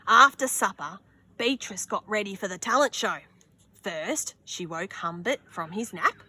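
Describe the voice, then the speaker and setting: On a sunny wooden deck outdoors, a young woman reads a children's picture book aloud slowly and expressively, adding gasps and little asides. Her voice is mid-range with a breathy edge.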